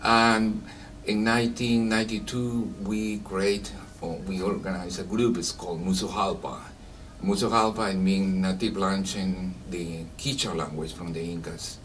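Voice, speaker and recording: A man from Peru speaks in a lowish voice, halting through his English with frequent pauses and fillers. He sounds a little distant from the mic, with a faint hiss underneath. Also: fairly even intonation, a bit bright. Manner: halting non-native English with many fillers. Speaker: guest musician. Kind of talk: radio interview. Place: children's museum radio studio.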